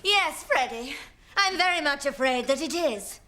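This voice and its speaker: An actress playing a haughty murderess who puts on a theatrical villain voice, in a comedy sketch. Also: female voice, sits high, expressive, measured pace, bright, forceful tone, full character voice. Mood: confessing. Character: femme fatale murderess, haughty and defiant.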